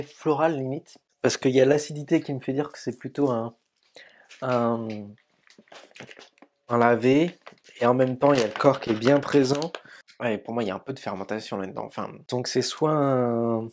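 A man's voice: mid-range voice, darkish tone. Chatty French man tasting coffee. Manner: chatty, many fillers, describing flavors. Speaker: coffee YouTuber. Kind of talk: casual coffee tasting vlog. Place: home coffee studio, indoors.

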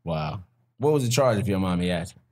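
A young man hosting a casual studio podcast, talking in animated, swearing banter. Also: low voice, fast talker. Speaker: podcast host. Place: small studio with dark backdrop. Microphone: studio mic with headphones.

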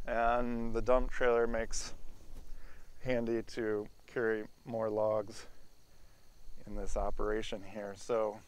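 Speaking slowly and clearly in a lowish, resonant monotone, a man leads a plain-spoken, casual tour of the sawmill he owns. The walk-through covers the outdoor sawmill yard before heading into a big former riding arena.

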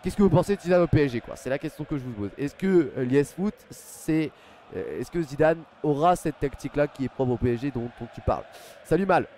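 A man's voice: fairly high pitch, animated, a little fast, mellow, a little hiss or hum. Young man streaming football talk on headset. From France. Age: young adult. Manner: casual, chatty, many fillers, greets and thanks viewers by name. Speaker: live football stream host. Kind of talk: live pre-match football commentary and chat reading. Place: small home room at a desk. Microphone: headset microphone.

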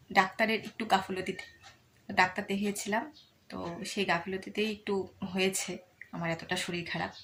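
A woman's voice: mid-range voice, fairly bright tone. Chatty woman vlogger, faint background noise. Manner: chatty, apologetic, with fillers. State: recovering from illness. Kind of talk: casual vlog intro.

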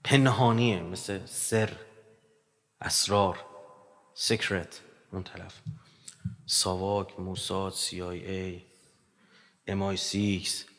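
A man giving a religious lecture in an animated, joking manner, his voice rising loud and dropping quiet. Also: deep voice, pauses often. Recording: long hall reverb.

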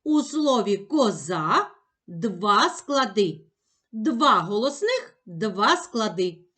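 A woman teaching young children, speaking slowly with exaggerated, sing-song emphasis on each sound and syllable. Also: on the high side, a bit bright. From Ukraine. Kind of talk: slow, clearly enunciated lesson for young children.

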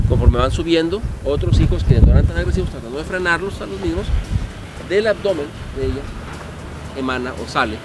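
A middle-aged man leads an outdoor tour, his voice a little high and lively as he tells legends and throws questions to his listeners. Steady background noise from the open air sits under the lapel mic. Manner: animated, gesturing, asks the audience questions. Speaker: museum guide. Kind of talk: storytelling tour explanation. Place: outdoor park museum among statues.

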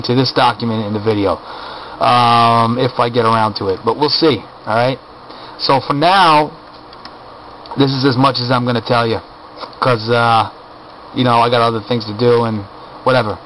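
A man's voice: medium pitch, steady tone, moderate pace, long pauses, fairly bright tone, a little hiss or hum, poor audio. A man giving casual, insistent commentary to viewers while scrolling documents on his computer, asking rhetorical questions. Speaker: video blogger. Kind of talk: casual screen-recorded commentary. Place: at a computer, voice-over on screen capture.

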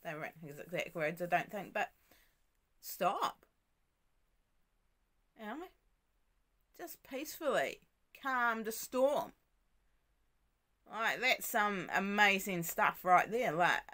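A woman giving a casual devotional talk, gentle and reflective, often sinking to a soft near-whisper. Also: medium pitch, big pitch swings, measured pace, long pauses. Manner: many fillers and restarts, reflective.

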